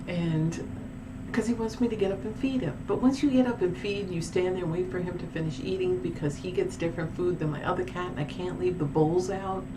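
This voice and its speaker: A woman's voice: on the low side, brisk, background noise. A woman telling a paranormal story in a casual, rambling vlog with many restarts and asides. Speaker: paranormal vlogger.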